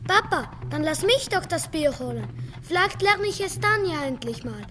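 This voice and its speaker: A woman's voice: very high voice, lively intonation, moderate pace, sharp tone, slight background noise, heavily acted. A woman reading the part of a cheeky, curious boy who eagerly volunteers to go out at night.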